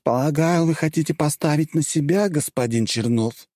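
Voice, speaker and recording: A man's voice: fairly high pitch, moderate pace, dark tone, no room sound, studio quality, pitched above the performer's own voice, close to an everyday voice. A man voicing a mincing, fussy male arena bookmaker with an affected, sing-song manner. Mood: sly, affected.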